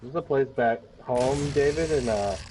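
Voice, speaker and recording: A man's voice: mid-range voice, unhurried. A man joking crudely with friends during a game. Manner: teasing, crude jokes. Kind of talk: casual gaming chat. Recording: noisy voice chat line.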